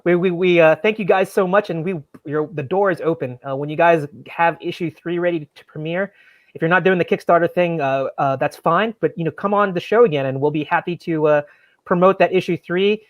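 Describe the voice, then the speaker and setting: High-voiced rambling male podcast host. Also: fairly quick, no echo, highs cut off. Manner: apologetic, rambling with many fillers. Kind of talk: casual video-call chat.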